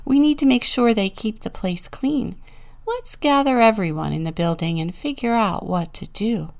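A woman's voice: mid-range voice, moderate pace, gravelly, lightly acted. A woman voicing a fussy, tidy-minded sheep neighbor in a storybook, with a bossy manner.

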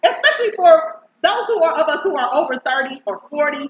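A woman's voice: high voice, big pitch swings, quick pace. A woman, a guest in a casual barbershop debate, arguing emphatically and laughing as she talks. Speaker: panel guest. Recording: echoey, muffled, faint hiss.

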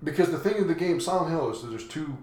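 A man's voice: fairly high pitch, lively intonation, quick pace, a little mellow. Rambling man in an echoey room. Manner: rambling, many restarts and fillers. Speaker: podcast co-host. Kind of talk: casual chat. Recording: echoey room with faint noise.

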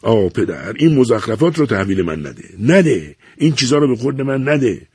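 A man's voice: low-pitched, lively intonation, mellow, breathy edge, no room sound, exaggerated voice. A man reading a novel aloud, voicing a middle-aged son who pleads emotionally and self-pityingly with his father. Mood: desperate.

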